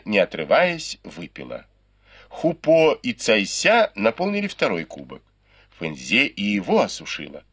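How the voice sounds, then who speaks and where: A man's voice: on the low side, a bit bright, husky, dry recording. A man reading a classic novel aloud as an audiobook, narrating expressively. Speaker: audiobook reader.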